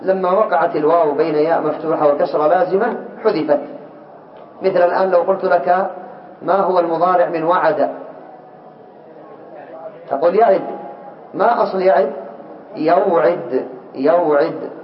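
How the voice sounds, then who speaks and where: Brief: male teacher, slightly high voice, drilling students slowly with repeats, echoey lo-fi room. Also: fairly even intonation, slight background noise. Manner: slow, deliberate, repeats words for students. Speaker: teacher of Arabic morphology. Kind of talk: classroom lesson commentary. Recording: echoey, dull lo-fi room recording.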